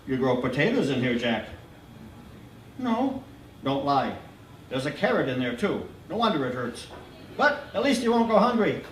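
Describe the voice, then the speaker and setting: A man's voice: fairly high pitch, very animated, moderate pace, long pauses, slight background noise. Man putting on a wisecracking grumpy doctor. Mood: smooth joking. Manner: gruff mock-grumpy jokes, bursts of loud complaint. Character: wisecracking fast-talking male country doctor. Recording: roomy hall picked up from a distance.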